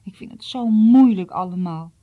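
A woman's voice: medium pitch, moderate pace, phone-quality sound, natural voice. A woman reading the part of an earnest, troubled schoolboy who pleads and stammers. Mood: pleading.

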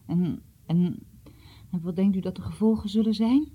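A woman's voice: mid-range voice, moderate pace, slightly rough, phone-quality sound, lightly acted. A woman reading the part of an earnest, troubled schoolboy who pleads and stammers. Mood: pleading.

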